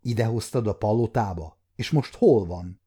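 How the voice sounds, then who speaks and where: A man's voice: lowish voice, lively intonation, dark tone, breathy edge. A man reading a stern, commanding king. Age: 50s. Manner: commanding, measured. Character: stern, dignified medieval king, middle-aged man.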